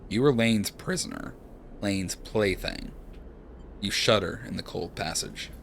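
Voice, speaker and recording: A young man streaming a narrative game, reading its text aloud in a hushed, dramatic way and chatting with viewers. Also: lowish voice, measured pace, vocal fry, a little hiss or hum.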